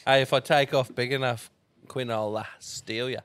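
A man's voice: mid-range voice, steady tone, normal speed, a bit bright, clear, resonant tone, no echo. An Australian man co-hosting a casual podcast, joking and swearing in a blokey way. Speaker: podcast co-host. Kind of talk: casual banter.

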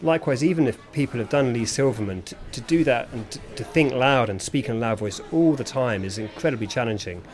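A man working as a speech therapist, calmly explaining treatment techniques in conversation. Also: mid-range voice, soft background music. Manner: measured, explanatory.

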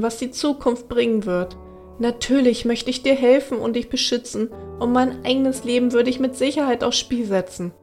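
A woman voicing an anxious, earnest young girl who speaks hesitantly, halting and apologizing. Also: a little high, a little mellow, close to an everyday voice.

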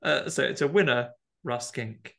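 A man's voice: mid-range voice, moderate pace, vocal fry, pushed and bright. A man, co-hosting a podcast and setting word puzzles in casual chat, hesitant with many ums and chuckles. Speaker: podcast co-host.

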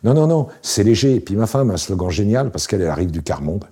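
Casting: man, late 60s, low voice, very husky, relaxed wry storyteller. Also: fast talker. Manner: relaxed, wry, anecdotal with frequent fillers. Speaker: interview guest, founder. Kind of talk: casual storytelling interview.

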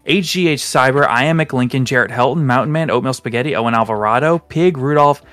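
A young man hosting a casual podcast, reading a list of goofy names aloud and breaking into laughter. His voice sits at an ordinary middle pitch, and faint music plays underneath. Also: fast, fairly bright tone, no echo. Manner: reads silly patron names, laughing through them. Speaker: podcast host.

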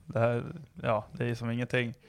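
Male podcast co-host, mid-pitched, amused storyteller, relaxed chat. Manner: amused storytelling, laughing often. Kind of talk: casual anecdote.

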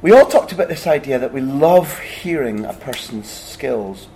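A man's voice: mid-range voice, animated, moderate pace, a little mellow, a little hiss or hum, low-quality recording. A man hosting a conversational interview, putting long, winding, reflective questions to his guest. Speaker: interviewer, podcast host.

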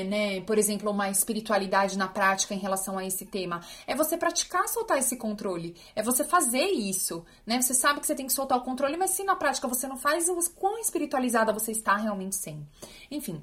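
A woman hosting a casual live Q&A, answering follower questions bluntly and with animated, exasperated asides. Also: mid-range voice.

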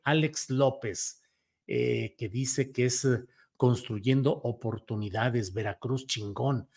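A man giving solo political commentary, picking apart a text with sardonic corrections. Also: mid-range voice. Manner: sardonic, corrects spelling point by point.

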